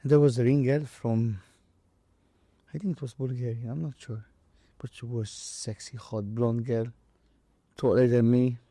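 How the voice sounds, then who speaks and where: A Maltese boxer and boxing trainer, appearing as an interview guest, tells stories casually and with animation, acting out dialogue and impact sounds. His medium-pitched, mellow voice keeps fairly even intonation at a measured pace with long pauses, and his broken, non-native English is mixed with Maltese. The sound is very dry, with no echo.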